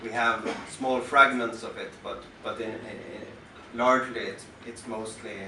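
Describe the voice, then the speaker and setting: A musician from western Norway with a Norwegian accent talks unscripted to a concert audience at a club, introducing his work slowly and thoughtfully with many pauses and restarts. His voice is on the low side and steady. His stage mic plays through the house speakers and is recorded from the audience, distant and roomy with faint noise.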